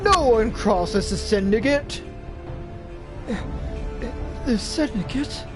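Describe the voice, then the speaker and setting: A man voicing a cruel, gloating male thug who talks with a rough drawl while reading game dialogue. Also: very high-pitched, animated, slow, over music, full character voice. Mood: angry. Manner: taunting, with a rough old-fashioned drawl.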